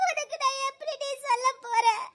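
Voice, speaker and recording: An actress in a family drama voices a young woman in mourning, tearfully and emotionally confiding in a friend during a melodramatic exchange. She speaks at normal speed in a very high-pitched voice.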